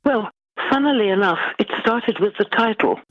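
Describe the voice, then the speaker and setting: In a literary interview, a middle-aged woman guest author speaks in measured, formal, articulate phrases, animated at a medium pitch. The recording is dry, dull, and lo-fi with band-limited sound.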